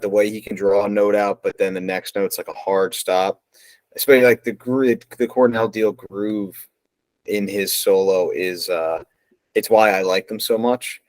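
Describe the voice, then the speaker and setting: A man's voice: lowish voice, fairly even intonation, measured pace, no echo. A man chatting casually about songs, hesitant and full of fillers and restarts. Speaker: co-host ranking songs. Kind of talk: casual chat.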